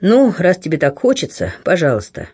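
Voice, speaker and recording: A man's voice: on the high side, huge pitch swings, normal speed, a little mellow, husky, exaggerated voice. A man reading the part of a lovesick young man who speaks faintly and hesitantly. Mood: weak, tearful.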